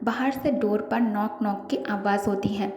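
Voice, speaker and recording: A woman's voice: medium pitch, a little slow, a little hiss or hum. Woman narrating a story in an echoey room. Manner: steady, descriptive narration. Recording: echoey reverberant room, faint music. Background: faint background music.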